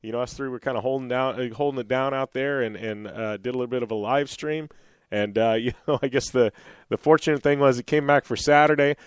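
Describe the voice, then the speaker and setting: Here the radio host talks a little fast in a mid-range voice, with fairly even intonation, wandering through thoughts with lots of fillers and restarts. Losing his voice has made him slightly raspy, yet he remains smooth and resonant. The sound is dry and close, with no echo.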